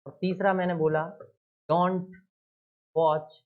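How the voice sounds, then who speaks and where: A male teacher giving an exam-prep grammar lesson, asking questions and then answering them himself, with key words stressed loudly. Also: high-pitched, level tone, slow, phone-quality sound.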